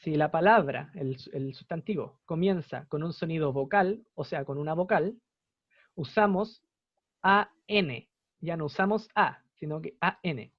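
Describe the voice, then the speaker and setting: A man's voice: on the high side, unhurried, no room sound, lo-fi sound. A young man with a Chilean Spanish accent, patiently explaining English grammar to students in an online class and repeating his examples. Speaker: English teacher.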